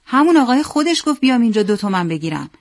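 A woman voicing a bold, insistent street boy who speaks loudly. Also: on the low side, expressive, no echo, clean studio sound. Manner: loud, insistent.

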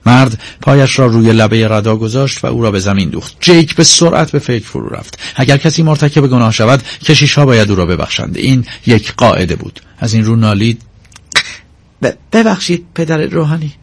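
A man narrating a novel in a steady, measured storytelling voice, recorded on a close microphone. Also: mid-range voice, dry recording. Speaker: audiobook narrator. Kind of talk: scripted narration.

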